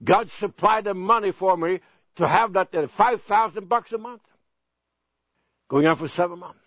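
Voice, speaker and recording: An older man preaching a sermon as pastor, earnest and pleading, repeating phrases slowly. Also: sits high, fairly bright tone, no echo. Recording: dull dry broadcast sound.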